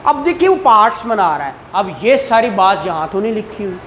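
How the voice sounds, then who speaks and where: The recording, clearly noisy and made in a room, captures a Pakistani-accented woman explaining law in a classroom lecture that mixes Urdu and English legal terms. Her mid-range voice is a bit bright and a little fast, with big pitch swings, and she often checks understanding with tag questions.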